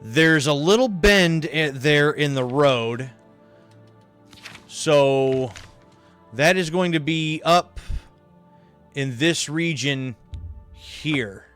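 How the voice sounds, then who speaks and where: A man's voice: fairly high pitch, drawn-out words, pauses often, fairly bright tone, soft background music. A tired man giving rambling gameplay commentary on a livestream, thinking aloud with many fillers, over a headset mic. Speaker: streamer.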